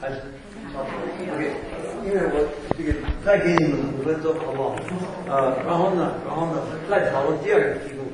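Man leading Bible study, slightly high voice, stop-start instructions, echoey hall, distant mic, noisy room. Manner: halting, many restarts and checks of OK. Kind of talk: giving group-work instructions.

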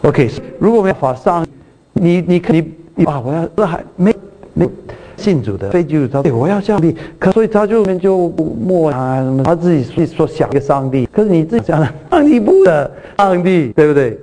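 A man's voice: on the high side, very animated, fairly quick, dark tone, poor audio. A man giving a sermon on a Bible passage, repeating and restarting his words, reading scripture aloud with lifted emphasis and often asking if his listeners follow. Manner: repetitive, restarts words, checks in with the audience. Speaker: preacher.

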